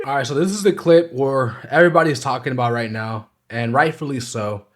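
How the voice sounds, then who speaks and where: A man's voice: medium pitch, a little fast. A man hosting a casual live stream, talking in a loose, slangy way and breaking into laughter. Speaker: streamer host.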